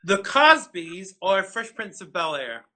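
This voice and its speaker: Man, talk show host, high voice, very bright and sharp tone, rambling, self-deprecating, video call. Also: very animated, a little slow, low-quality recording. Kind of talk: casual interview chat.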